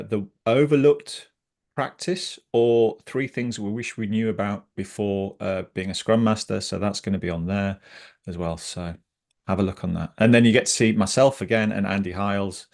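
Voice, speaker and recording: A man co-hosting an online webinar, talking in a passionate, animated and chatty way as a scrum trainer. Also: lowish voice, moderate pace. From Britain.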